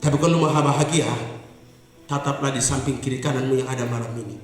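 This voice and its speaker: A man's voice: medium pitch, fast. A male pastor with a Kupang Malay accent preaching at a youth camp, emphatic and joking. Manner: emphatic, joking, switches into acted voices. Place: church hall at a youth camp. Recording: very echoey hall, faint music.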